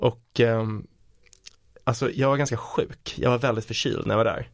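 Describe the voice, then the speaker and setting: A man co-hosting a podcast at an ordinary mid pitch. He chats loosely with many fillers and restarts, and breaks into animated voice impressions when telling stories. The recording is close and dry. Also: no echo. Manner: animated storyteller, mimics voices with big pitch jumps. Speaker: podcast co-host. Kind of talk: casual chat.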